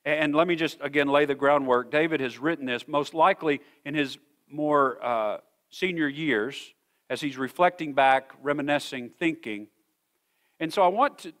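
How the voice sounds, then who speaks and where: A middle-aged man preaching a sermon in a church, emphatic and earnest, repeating words as he builds a point. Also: medium pitch. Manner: slows to a soft, measured pace for scripture reading. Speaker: senior pastor. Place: church sanctuary.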